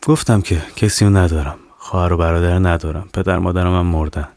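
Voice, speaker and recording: A man's voice: sits low, fairly even intonation, a little mellow, no room sound. A man voicing a lonely, cynical young woman in an audio horror story, with a dry, teasing, matter-of-fact manner. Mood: flat.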